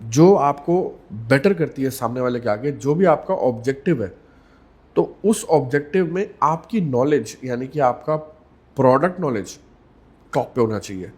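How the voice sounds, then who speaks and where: A man speaking as a communication coach in a podcast interview, measured and emphatic, repeating key words and slipping English phrases into Hindi. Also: mid-range voice, animated, darkish tone, breathy edge.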